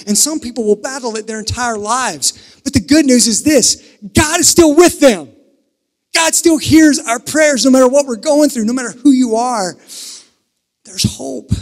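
A man from Kentucky preaching a sermon at a pulpit microphone, earnest, shifting between emphatic and hushed. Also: very high-pitched. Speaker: pastor. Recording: reverberant sanctuary, pulpit mic.

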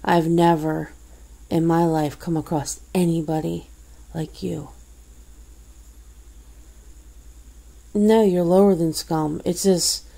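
Woman acting scornful, fed-up friend, low gravelly voice. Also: steady tone, a little slow, dark tone. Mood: scornful, exasperated. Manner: scornful, berating, swearing. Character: fed-up woman coldly cutting off a bad friend. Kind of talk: ASMR role-play, one-sided confrontation.

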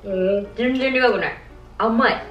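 A woman's voice: a little high, measured pace, a bit bright, recorded from a distance, dull audio, faint music behind. A drunk woman in her twenties chatting playfully and casually with a friend. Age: 20s. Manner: tipsy, playful. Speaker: vlogger. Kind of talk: casual tipsy chat with a friend. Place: small living room, on a sofa. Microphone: camera a few metres away. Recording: roomy echo, off the mic.

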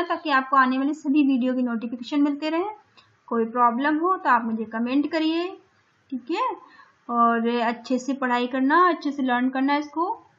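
A woman's voice: high voice, a bit bright. A woman teaching an English lesson to young children, patiently explaining each step in Hindi and English and adding "ठीक है" again and again. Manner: explains in Hindi and English, repeating words slowly. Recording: dull lo-fi recording.

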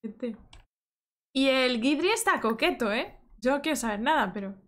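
A woman's voice: sits high, normal speed. A woman streaming a life-sim game, chatting casually, reading game text aloud and greeting viewers in chat. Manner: excitable, reads game text aloud, shrieks when startled.

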